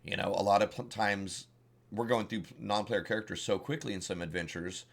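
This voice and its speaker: A man's voice: fairly low pitch, a little fast, creaky. A man with a Southern US accent, a dungeon master giving casual, rambling advice and often repeating words as he searches for them. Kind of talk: casual instructional talk.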